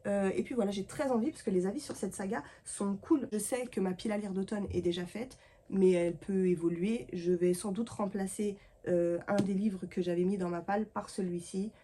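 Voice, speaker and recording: Chatty woman with a mellow voice. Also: medium pitch, normal speed, slight background noise. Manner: lively and chatty, with many fillers and playful asides. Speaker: book vlogger. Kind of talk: casual chatty book haul vlog.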